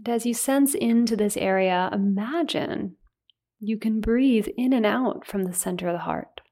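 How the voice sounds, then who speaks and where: A woman leading a guided meditation in a soothing, unhurried way, leaving gentle pauses between phrases. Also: mid-range voice.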